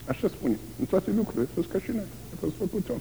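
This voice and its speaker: An older man preaching a sermon, dramatic and lively, sometimes crying out the screams of the tortured. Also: high-pitched, gravelly. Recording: long hall reverb.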